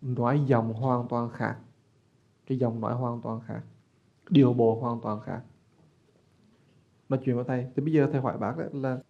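A Buddhist teacher tells a story in a dharma talk, animated and often repeating his words. His voice is gravelly and mellow. The recording is slightly dull and lo-fi. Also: medium pitch.

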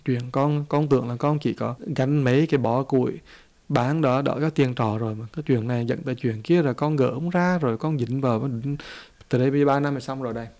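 A man's voice: medium pitch, fast, a little mellow, natural voice. A man voicing a humble young monk disciple. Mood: explaining.

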